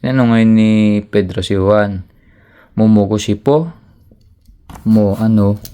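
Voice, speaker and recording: A man's voice: lowish voice, level tone, a little slow, warm tone, smooth. A man giving a casual, joking grammar lesson, switching between languages to read out example sentences. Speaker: language teacher.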